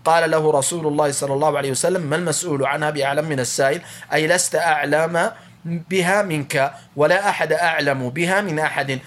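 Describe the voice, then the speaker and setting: Male lecturer, rapid explanatory delivery, fairly high voice, reads text then glosses it. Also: steady tone, a bit bright. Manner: quick, explanatory, rephrasing with many fillers and restarts. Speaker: religious teacher.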